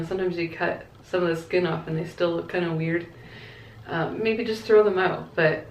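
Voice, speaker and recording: Lower-voiced woman vlogger in an echoey room. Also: a little hiss or hum. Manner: candid, reflective, conversational. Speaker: vlogger answering viewer questions. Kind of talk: casual chatty Q&A to camera. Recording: echoey, roomy sound.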